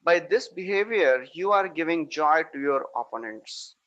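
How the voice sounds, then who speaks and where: A calm, dutiful warrior prince, as a teacher tells it reasons with his brother in an earnest, pleading tone. The voice stays close to the storyteller's own, an epic hero counseling restraint. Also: on the high side, normal speed, dull audio. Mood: reasoning.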